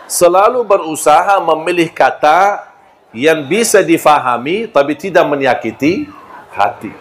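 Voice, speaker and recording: A man's voice: on the high side, unhurried. Arabic-accented man preaching with humor. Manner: lively storyteller who acts out quoted voices and jokes with listeners. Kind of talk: humorous sermon.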